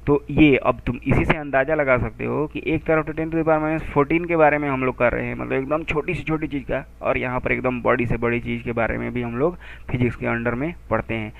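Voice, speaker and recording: A man teaching a physics textbook chapter in chatty Hindi, reading English lines slowly and working sums aloud with many pauses and restarts, on a tinny phone-like recording. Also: mid-range voice, steady tone, vocal fry. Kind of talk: textbook explanation lesson.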